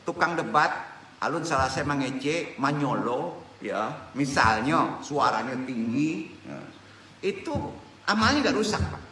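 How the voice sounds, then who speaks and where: An older man teaches a religious study group in a lively, swooping voice, teasing and quizzing the people in front of him. He sounds set back from the mic, in an echoey hall with a faint hum of room noise. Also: fairly high pitch, a little slow. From West Sumatra, Indonesia. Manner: animated, joking, quizzes the audience. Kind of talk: informal religious study lecture. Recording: echoey hall recorded from a distance.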